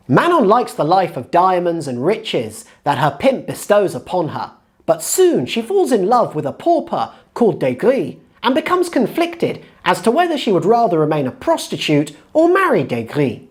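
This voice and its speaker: For a writing-tips video, a woman with a medium-pitched voice reads scripted narration. She explains things in a measured way, with strong emphasis.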